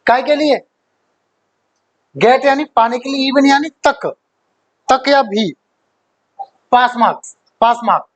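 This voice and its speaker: Very high-voiced man teaching grammar. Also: takes it slowly, long pauses, no room sound. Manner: chatty, joking, full of rhetorical questions and checks like "okay?". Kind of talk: live online class, casual Hinglish teaching.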